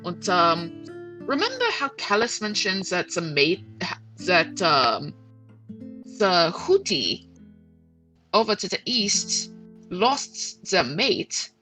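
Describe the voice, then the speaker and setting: A woman talking as a player in a tabletop roleplaying game, in animated discussion. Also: lowish voice, takes it slowly, rough recording. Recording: music behind the voice. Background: music.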